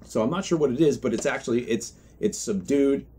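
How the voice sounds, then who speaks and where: A man giving an unscripted product review in a halting, reflective way, often correcting himself as he goes. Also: mid-range voice, dark tone, a little hiss or hum. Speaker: pipe tobacco reviewer.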